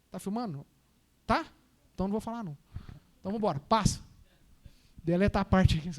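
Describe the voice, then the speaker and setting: Man, Minas Gerais accent, missionary leading a Sunday school slide talk, casual and direct with the congregation. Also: very high voice. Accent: Minas Gerais Brazilian Portuguese. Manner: conversational, addresses listeners as brothers and sisters. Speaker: missionary presenting to a church.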